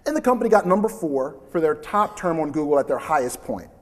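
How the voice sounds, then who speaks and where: Conference speaker, male, loud and chatty, reverberant hall. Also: on the high side, big pitch swings, quick pace. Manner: loud, chatty, invites interruptions. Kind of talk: live conference presentation.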